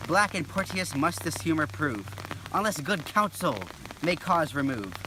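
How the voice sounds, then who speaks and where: Lively, higher-pitched man acting a concerned house elder. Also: a little slow. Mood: worried. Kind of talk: amateur recited Shakespeare parody. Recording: noisy recording with ambient hiss.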